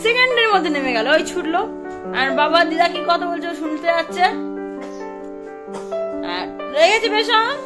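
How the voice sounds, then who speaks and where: A woman's voice: very high-pitched, expressive, normal speed, long pauses. A woman with a Bengali accent filming a casual home vlog, coaxing her toddler with playful baby talk. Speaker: vlogger and mother. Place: home, indoors. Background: background music.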